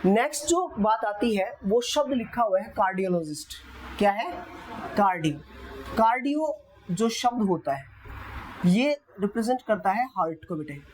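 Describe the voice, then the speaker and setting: A woman teacher gives a vocabulary lecture at an even middle pitch. She keeps asking her class questions and answering them herself, and she reads English example sentences slowly. Faint noise hums under the recording. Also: low-quality recording.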